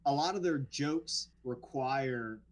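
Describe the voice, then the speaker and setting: A man's voice: medium pitch, takes it slowly. A man who works as an actor, from the New Orleans area, telling stories in a casual podcast chat with frequent restarts. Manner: storytelling, animated, frequent restarts. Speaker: guest actor.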